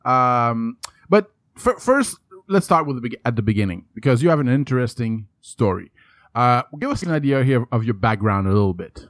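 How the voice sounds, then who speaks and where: A man from Canada, hosting a podcast interview in a playful, energetic way. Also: medium pitch, normal speed, no room sound, clean studio sound. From French Canada. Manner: playful, energetic, rhyming hype lines. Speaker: podcast host. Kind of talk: upbeat interview chat.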